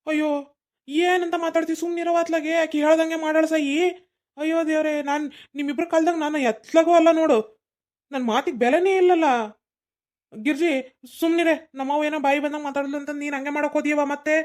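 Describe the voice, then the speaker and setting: A harried village husband stuck between his wife and his mother in a cartoon comedy, as a woman voices him. He talks fast and high, pleading and scolding in a North Karnataka Kannada accent. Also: fairly even intonation, darkish tone, lightly acted. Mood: exasperated. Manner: exasperated pleading.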